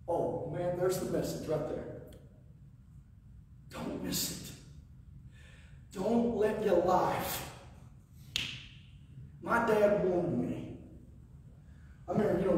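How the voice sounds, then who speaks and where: High-voiced preacher in his fifties. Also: takes it slowly, long pauses, a little hiss or hum. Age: 50s. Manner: animated, paces the platform and gestures; swings from quiet asides to sudden shouts. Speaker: guest pastor. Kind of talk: sermon. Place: wood-panelled church sanctuary, indoors. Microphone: far camera, no visible mic. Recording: echoey church hall from far off.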